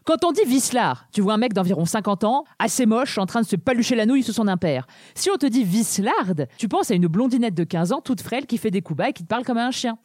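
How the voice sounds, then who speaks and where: A woman's voice: fairly high pitch, sing-song, quick pace, few pauses, darkish tone, husky, dry recording, clean studio sound. A woman hosting a podcast, delivering a cheeky, self-mocking comic monologue. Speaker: podcast host. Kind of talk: comic monologue about insults.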